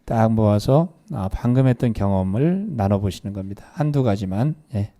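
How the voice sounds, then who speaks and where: Mellow-voiced man giving a meditation class. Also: lowish voice, expressive, moderate pace. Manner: asks the audience questions and leads exercises. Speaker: meditation lecturer. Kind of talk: live lecture to a class. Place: meditation hall.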